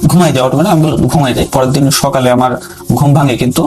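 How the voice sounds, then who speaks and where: Fast-talking rambling man. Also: mid-range voice, steady tone, a little mellow, low-quality recording. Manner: rambling, repeats phrases, keeps addressing the host. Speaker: caller telling his ghost experience. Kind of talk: casual spoken storytelling. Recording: music playing under the voice.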